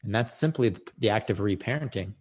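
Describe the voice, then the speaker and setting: Earnest, reflective man, lowish voice. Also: animated, fast, a little mellow, husky. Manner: earnest, reflective, repeats words while thinking. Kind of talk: casual conversation.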